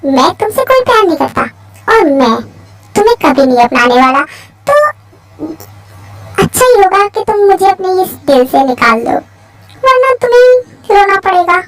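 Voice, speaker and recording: A woman voicing a cold, mocking young male mafia boss in a lowered voice. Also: big pitch swings, moderate pace, pauses often. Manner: cold, dismissive, low. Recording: faint music behind.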